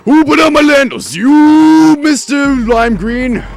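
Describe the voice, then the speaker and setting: A hoarse, sick man voicing a gang of taunting ghosts with sinister, mocking lines while playing a video game. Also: very high voice, lively intonation, slow pace, faint music behind, pitched above the performer's own voice, full character voice. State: hoarse from illness.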